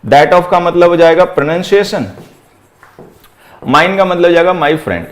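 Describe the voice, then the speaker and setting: Man teaching grammar, slightly high voice. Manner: explains step by step, repeating key phrases; slows right down to dictate example sentences. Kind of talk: exam-prep grammar lesson.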